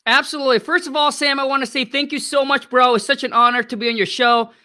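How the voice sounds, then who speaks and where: A man's voice: extremely high pitch, fairly even intonation, fast, pushed and bright, smooth. A man from Vietnam, a guest talking in a casual, slangy, earnest way over a video call. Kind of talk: casual interview storytelling.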